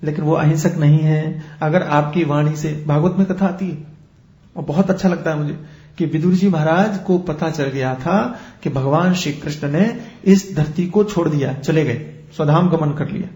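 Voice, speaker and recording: A man's voice: a little high, moderate pace, a little mellow, roomy sound, dull audio. A man who is a spiritual teacher, giving a discourse and explaining with everyday examples and rhetorical questions.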